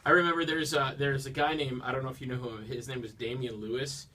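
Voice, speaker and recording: A man's voice: medium pitch, steady tone, quick pace, pushed and bright. An American man hosting a radio interview, playful and jokey, with frequent stumbling restarts. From United States. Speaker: radio host. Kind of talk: casual interview.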